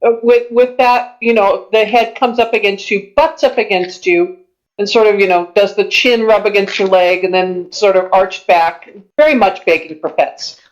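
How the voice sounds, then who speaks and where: A woman acting as game master, improvising descriptive narration for a tabletop game in a halting way. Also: mid-range voice, steady tone, low-quality recording.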